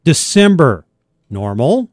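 A man co-hosting casual radio banter in deliberate, clipped phrases. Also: a little high, sing-song, a little mellow, no echo, clean studio sound. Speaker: radio co-host.

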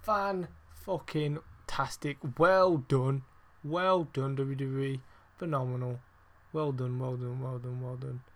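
A man hosting a casual wrestling review podcast, rambling with lots of fillers, swearing heavily and getting excitable and emphatic. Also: mid-range voice, unhurried. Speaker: podcast host.

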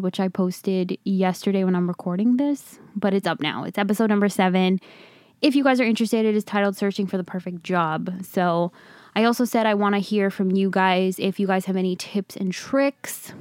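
Young female podcast host, casual and chatty, smooth tone recorded dry at home. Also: mid-range voice, darkish tone, dry recording. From Long Island, New York. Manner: chatty, rambling, upbeat. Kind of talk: casual solo podcast chat.

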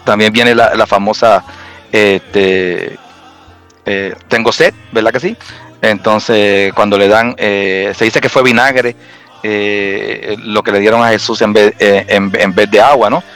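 A man's voice: fairly low pitch, steady tone, slow, fairly bright tone, clean tone, faint music behind. Puerto rican man telling stories. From Puerto Rico. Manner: storytelling with many fillers and restarts. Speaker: guest. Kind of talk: casual chat.

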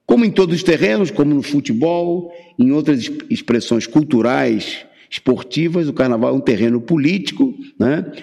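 A man delivers political commentary in a gravelly, mellow voice, halting and circling back with frequent fillers and restarts. The recording carries a long reverb tail. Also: on the high side, expressive.

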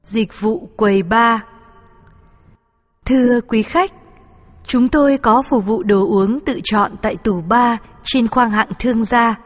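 A woman's voice: fairly high pitch, takes it slowly. A woman speaking as a flight attendant, reading formal, polite scripted in-flight announcements. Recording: long hall-like reverb.

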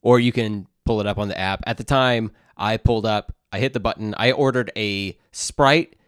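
A podcast co-host jokes and rambles through a casual chat, filling his speech with plenty of fillers. His voice is fairly low, clear and resonant with a fairly bright tone, at a moderate pace. The recording is studio quality with no echo.

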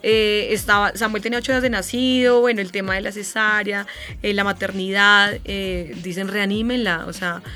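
A woman in her thirties with a Colombian accent, a radio host telling a personal story in an interview, animated and vivid. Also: mid-range voice, normal speed, faint music behind. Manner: animated storyteller, imitates sounds and voices.

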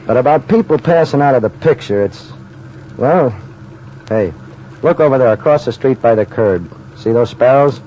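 An actor playing a plain-spoken police officer in an old radio drama, talking in slangy 1930s cop style. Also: male voice, mid-range voice, expressive, moderate pace, warm tone, lightly acted. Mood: earnest. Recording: dull, noisy old radio recording.

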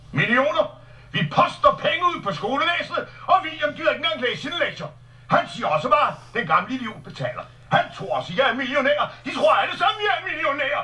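An actor playing a ranting middle-aged man furious about taxes, bursting into shouting tirades and bitter laughs, heard as film audio set back from the mic. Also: sits high, full character voice.

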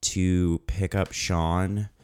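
A man co-hosting a podcast, chatting casually and joking with quick asides and frequent laughs. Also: deep voice, little pitch movement, darkish tone, clear, resonant tone. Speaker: podcast co-host. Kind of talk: casual chat recap.

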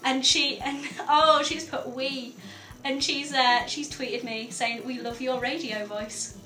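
Young Geordie woman, student radio co-host, chatty and giggly, slightly high voice, roomy studio. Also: fairly even intonation, a little slow. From North East England. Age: young adult. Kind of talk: casual radio chat.

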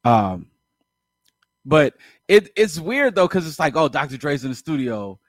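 Male host, animated storyteller, laughs easily; slightly high voice, dry close sound. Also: a little slow, dry recording. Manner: animated storyteller who acts out quotes with laughs. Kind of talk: casual chat.

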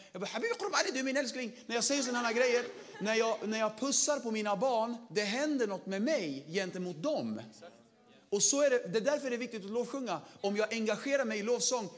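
High-voiced energetic preacher man. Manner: energetic, shouts to rouse the audience, playful slang. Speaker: pastor. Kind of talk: lively sermon to a large crowd.

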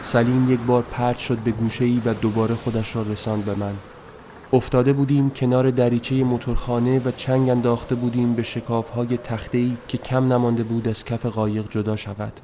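Soft, somber male audiobook narrator. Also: medium pitch, level tone. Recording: noisy recording.

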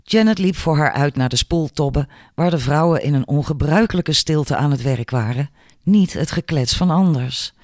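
A man narrates an audiobook in a measured, expressive storytelling manner. His voice sits fairly high for a man. The recording is dry and close, with no room sound. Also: dry recording. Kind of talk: scripted narration.

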